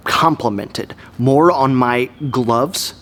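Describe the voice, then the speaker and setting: A young man hosting a casual vlog, talking in a playful, joking way with quick asides. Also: medium pitch, a bit bright. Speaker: video host.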